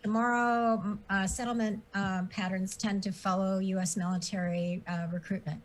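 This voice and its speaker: A middle-aged woman with a nondescript American accent, a professor explaining casually on a video call, halting and correcting herself. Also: medium pitch, flat delivery, low-quality recording. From Guam and San Diego. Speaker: professor, interview guest. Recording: faint background noise on video call.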